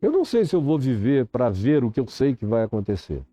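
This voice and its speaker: A Brazilian man preaching a sermon with an accent from Brazil, swinging from loud urgent pleas to low grave tones. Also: very animated, a little fast, no echo. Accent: Brazilian Portuguese.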